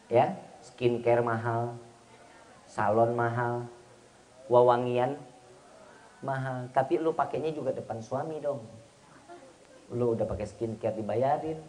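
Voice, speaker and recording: A man's voice: mid-range voice, steady tone, slow, long pauses, a little mellow. A man preaching a humorous sermon in speech, teasing his listeners and acting out bits of dialogue. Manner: teasing, slangy, acts out quoted dialogue.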